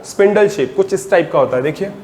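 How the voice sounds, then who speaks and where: A man with a fairly high voice teaches a biology class, echoing through a reverberant room over faint background hiss. He drills key terms by asking them back as questions and answering them himself. When he reaches the English definitions, he slows to a dictation pace. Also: lively intonation, darkish tone. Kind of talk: classroom lecture in Hindi-English mix.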